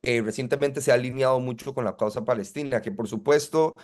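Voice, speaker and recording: Young man, measured and articulate. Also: medium pitch, darkish tone. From Costa Rica. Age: 20s. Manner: articulate, measured, argues point by point. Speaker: guest, student activist. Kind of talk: interview answers.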